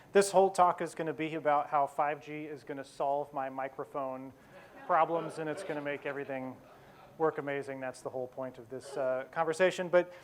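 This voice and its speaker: A man in his forties giving a conference keynote, quick and self-deprecating, with many fillers and restarts. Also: on the high side. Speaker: keynote speaker. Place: conference hall.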